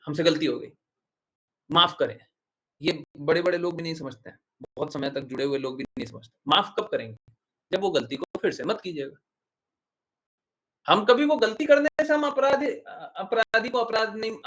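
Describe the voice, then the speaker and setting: Guy teaching a devotional q&a class, kinda high voice, keeps repeating himself, asks questions then answers em. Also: pushed and bright, husky, rough recording. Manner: emphatic and repetitive, asking rhetorical questions.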